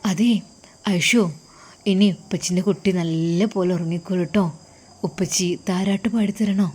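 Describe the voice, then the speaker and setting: A woman voicing a gentle, grieving father who speaks softly to comfort his daughter. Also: fairly low pitch, steady tone, moderate pace, close to an everyday voice. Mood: hushed. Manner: soft, soothing, hushed. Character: gentle, grieving young father, soft-spoken.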